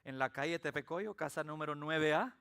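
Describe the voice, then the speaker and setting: A man's voice: fairly high pitch, moderate pace, clean tone. A man from El Salvador with a Salvadoran Spanish accent, preaching a sermon as pastor and telling stories with humor. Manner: animated storytelling with humor. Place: church.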